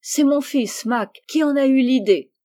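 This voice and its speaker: A hurried jovial uncle, read by a woman, coaxing, louder, mellow. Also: on the high side, lightly acted. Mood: cheerful. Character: jovial kind uncle, middle-aged man.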